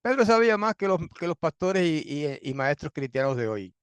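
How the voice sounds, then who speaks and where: A man teaching a sermon-style Bible lesson who often clears his throat, asks rhetorical questions and repeats points for emphasis. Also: on the high side, very animated, brisk, dry recording.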